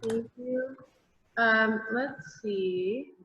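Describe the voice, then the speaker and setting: A woman hosting an online open mic, thanking performers and introducing the next one with slow, gentle introductions. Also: on the high side. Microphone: video call. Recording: dull lo-fi video call audio.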